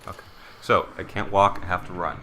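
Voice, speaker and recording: A man's voice: low voice, flat delivery, fairly quick, sharp tone, a little hiss or hum. A young man commentating a video game with a friend, casual and rambling, often frustrated and swearing. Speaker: let's play commentator. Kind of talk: casual gaming banter.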